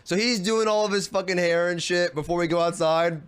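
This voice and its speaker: High-pitched, animated, profane male storyteller. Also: a little fast, clear, resonant tone. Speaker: vlogger. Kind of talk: casual storytelling.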